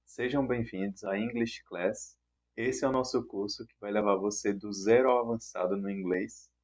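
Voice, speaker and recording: A man teaching an online English lesson in Portuguese, who repeats the example sentences patiently and clearly. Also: lowish voice, steady tone, moderate pace.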